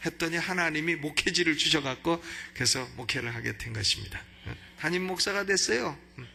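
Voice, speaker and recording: A man in his fifties, a pastor preaching, who swings between loud exhortation and chatty storytelling. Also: a little high, brisk, creaky. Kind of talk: expository sermon. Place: church sanctuary.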